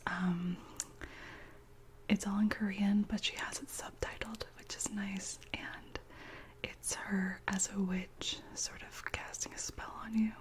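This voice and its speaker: A woman whispering gently as an ASMR channel host, chatting slowly with many soft pauses. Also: medium pitch.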